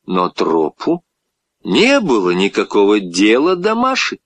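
A man reading a children's story aloud with expressive, swinging delivery. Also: on the low side, measured pace, no echo.

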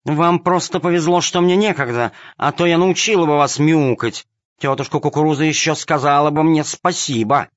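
A man voicing a bold, sharp-tongued lame female cat in a storybook reading, on a dull, dry recording. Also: fairly high pitch, a little slow, no echo, voice pushed up. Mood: indignant. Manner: scolding, teasing.

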